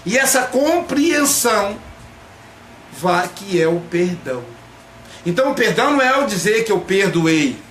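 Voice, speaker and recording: A man, a psychoanalyst, giving a reflective spoken talk and drawing out key words slowly for emphasis. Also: high-pitched, big pitch swings, fairly bright tone. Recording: echoey room, faint background noise.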